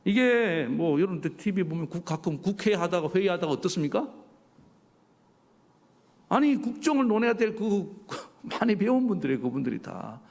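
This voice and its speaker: Male pastor preaching, kinda high voice, gravelly, lots of questions at the crowd, echoey church. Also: moderate pace. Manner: animated, rhetorical questions to the congregation. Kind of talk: sermon. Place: church sanctuary. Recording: church hall reverb.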